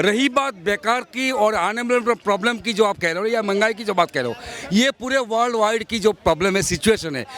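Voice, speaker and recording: A man's voice: sits high, a bit bright. A man in his fifties from Assam, arguing his views insistently in a street interview outdoors. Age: 50s. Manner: argumentative, insistent, lecturing.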